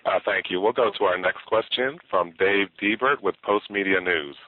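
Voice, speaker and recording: Male conference operator on speakerphone, deep voice, thin phone sound with faint clicks. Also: moderate pace, slight background noise. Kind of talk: scripted call moderation. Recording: tinny, distant phone line with faint clicks.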